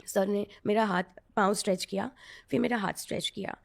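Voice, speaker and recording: A woman's voice: medium pitch, steady tone, fairly quick, vocal fry. A woman telling a personal story as a podcast guest, earnest and confiding. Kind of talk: personal story told in an interview.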